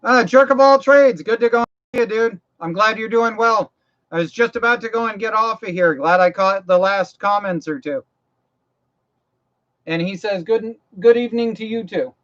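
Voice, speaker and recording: The voice sits high and a bit bright, at normal speed, captured in dull lo-fi stream audio. A Maine man chats casually on his livestream, rambling and folksy, repeating and restarting phrases while practically guiding viewers through mower repairs, and he sounds tired.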